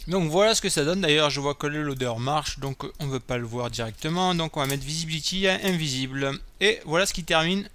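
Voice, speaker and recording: A man's voice: a little high, a little fast, hardly any pauses, sharp tone. A man hosting a screencast coding tutorial, casually thinking aloud as he types and explains each step. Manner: casual, thinking aloud while typing code.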